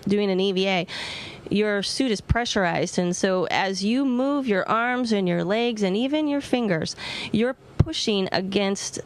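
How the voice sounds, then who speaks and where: A woman's voice: mid-range voice, a little slow. A woman astronaut giving informal, plain-spoken answers to students over a space-to-ground radio link. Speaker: astronaut answering questions from orbit. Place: aboard a space station.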